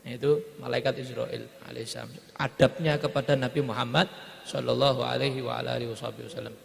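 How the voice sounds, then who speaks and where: A man's voice: medium pitch, fairly even intonation, fast talker, gravelly, big-room sound. A man with a Javanese accent preaching a storytelling sermon, slipping into Javanese and acting out the dialogue of the story. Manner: mixes Javanese into his talk, acts out the story's dialogue.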